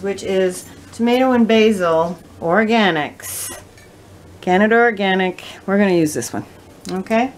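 This middle-aged woman's home cooking show has her chatting through each step at her kitchen stove, keeping the demonstration casual. Her voice is mid-range, with slight background noise. Sound comes from a camera mic a few feet away, picking up the clatter of the kitchen.

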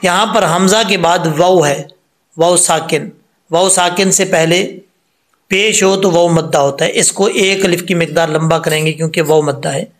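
A man teaching Quran pronunciation, patiently explaining each mistake step by step and then reciting the verses slowly in a chanted voice. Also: fairly high pitch. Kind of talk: tajweed lesson with slow chanted recitation.

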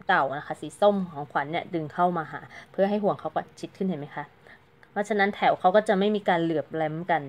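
A woman giving a casual, chatty crochet tutorial, counting stitches aloud and explaining each step politely. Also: lowish voice. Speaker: crochet teacher.

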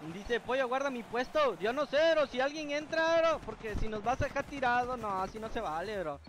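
A man's voice: very high voice, animated, a little fast, fairly bright tone, slight background noise. A man, chatting casually while streaming a game and reading out viewers' names. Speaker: gaming streamer. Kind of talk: casual live-stream gameplay chat. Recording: game music clearly heard behind. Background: game music.

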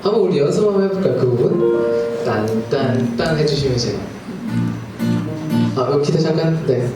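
A man's voice: a little high, animated, normal speed. A man in his thirties, a singer-songwriter talking in a friendly, slightly nervous way with his audience between songs. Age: 30s. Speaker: singer-songwriter performing live. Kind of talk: stage banter between songs. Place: small live music club. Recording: echoey live club, distant mic, music behind.

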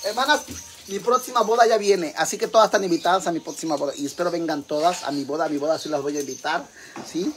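Fast and natural, the mid-range voice belongs to a performer portraying a crude, show-off Mexican mother with a Mexican accent. She rambles through brash gossip to her sisters in a comic monologue, against a noisy background.

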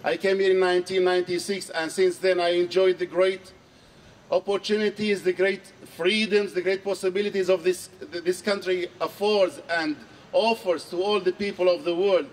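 A middle-aged man from Syria speaks at an outdoor rally in a fairly high voice. He is earnest and measured and hammers home key phrases by repeating them. The mic sits a little way off, with faint noise from the open square. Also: fairly even intonation, far from the mic. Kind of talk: public speech at a protest. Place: outdoor square under trees. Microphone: handheld mic on a stand.

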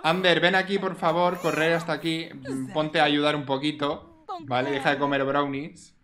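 A man commentating a life-simulation game, expressive and exclaiming, often scolding the characters. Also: on the high side, normal speed, a crowd in the background. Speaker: gaming YouTuber. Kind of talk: Sims let's play commentary.

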